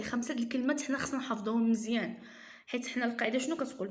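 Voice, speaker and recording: Woman, Moroccan accent, teacher, repeats key terms, higher pitch, echoey room. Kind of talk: explaining a lesson.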